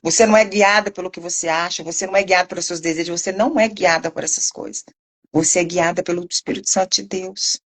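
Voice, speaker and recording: A woman's voice: on the low side, fairly even intonation, fast talker, a bit bright. A woman preacher with a Brazilian Portuguese accent, giving a fervent sermon with emphatic, repeated declarations.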